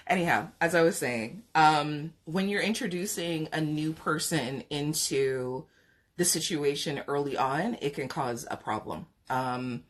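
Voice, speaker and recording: Speaking slowly in a low-pitched voice, a Jamaican-accented podcast host runs a live chat talk show where she reads viewer comments. She offers blunt, opinionated advice, peppered with plenty of fillers.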